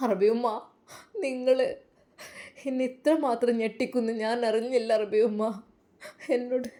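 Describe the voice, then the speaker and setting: Woman voicing a tearful young bride, soft and pleading. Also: on the high side, fairly even intonation, unhurried, close to an everyday voice.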